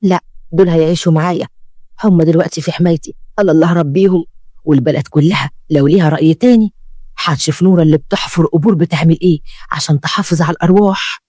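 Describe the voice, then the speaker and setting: A defiant, poor Egyptian woman who digs graves, read by a storyteller. She talks fast and insistently, pleading and determined. The recording is dry and close. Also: mid-range voice, darkish tone, dry recording, natural voice. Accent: Egyptian Arabic.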